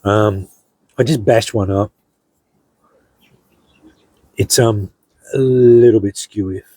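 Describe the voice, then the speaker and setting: A middle-aged man, a hobby blacksmith, casually showing off his finished pieces in an unhurried, rambling way, with many ums and restarts. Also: lowish voice, fairly even intonation, mellow, no echo, rough recording. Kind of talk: casual show-and-tell narration.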